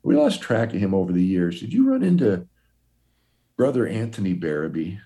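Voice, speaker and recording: A man putting on the voice of an excited older male priest in a story, eager and amazed. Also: normal speed. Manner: eager, amazed, high-pitched.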